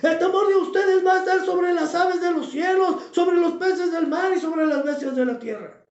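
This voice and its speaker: High-voiced impassioned pastor preaching. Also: male voice, moderate pace, reverberant, lo-fi sound. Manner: impassioned, with shouted emphases and repeated phrases. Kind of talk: sermon.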